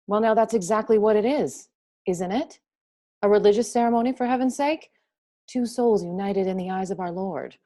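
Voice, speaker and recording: A woman's voice: mid-range voice, normal speed, mellow, natural voice. An actress playing a pious, disapproving mother with a sardonic, clipped manner in a period drama reading. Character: tart, pious, disapproving mother of grown daughter.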